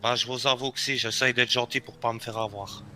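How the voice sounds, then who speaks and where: A man's voice: medium pitch, fairly even intonation, a little fast, bright, forceful tone, a little hiss or hum. A man chatting in character during a game roleplay, rambling and friendly with the police. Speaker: roleplay player.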